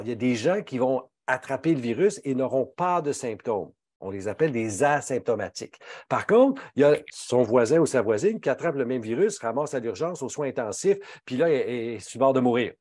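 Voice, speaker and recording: A man's voice: a little mellow, dry recording. A man with a Québécois French accent giving a health talk as a pharmacist, emphatic and indignant in manner. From Quebec. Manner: emphatic, indignant, swings pitch widely for emphasis.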